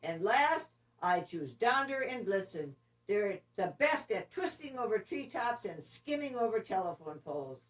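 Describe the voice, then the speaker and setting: A woman's voice: medium pitch, big pitch swings, unhurried, hardly any pauses. A woman voicing jolly old Santa Claus for a children's storybook, hearty and commanding with emphatic exclamations. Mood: jolly, deliberate. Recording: distant microphone.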